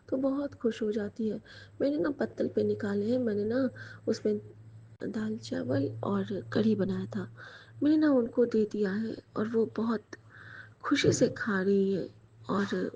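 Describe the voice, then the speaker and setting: A woman, sharing a dream as personal spiritual testimony in a hushed, intimate voice that often drops to a whisper. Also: fairly high pitch, slightly rough, muffled recording. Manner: hushed, intimate storytelling with fillers and soft whispered stretches.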